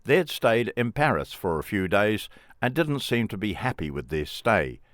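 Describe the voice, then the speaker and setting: Brief: middle-aged man, deep and expressive, wry memoir reading, dry close mic. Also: normal speed, dry recording. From England. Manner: plain, wry first-person storytelling. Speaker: memoir author and narrator.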